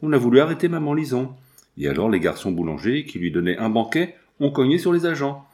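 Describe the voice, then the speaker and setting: Storybook gossip: blunt, emphatic townswoman, put on by a low-voiced male reader, lively pitch. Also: fast, natural voice. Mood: excited.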